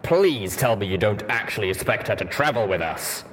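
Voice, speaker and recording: For a fantasy audio story, a man voices a stern, suspicious old soldier pony wearing armor, sounding indignant and commanding with a reverberant helmet voice. His voice is lowish, animated, and a bit bright, at normal speed. A little hiss or hum is audible.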